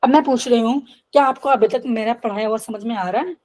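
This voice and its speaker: Woman teaching slowly in an online lecture. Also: on the high side, a little mellow, rough recording. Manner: mixes Hindi with slow English definitions; asks checking questions. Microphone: video call.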